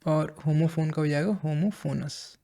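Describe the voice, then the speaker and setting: His voice a little high, steady and mellow, a man with an Indian accent leads a classroom-style English vocabulary lesson. He takes it slowly, repeats phrases and checks in with his audience.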